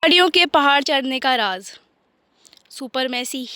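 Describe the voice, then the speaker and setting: A woman's voice: sits high, lively intonation, moderate pace, bright, forceful tone. A young woman vlogging while walking a mountain trail, chatty and self-mocking, tired from the climb, talking into a handheld phone. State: tired from hiking. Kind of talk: casual hiking vlog. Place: mountain trail outdoors by a river. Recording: faint background noise of a river.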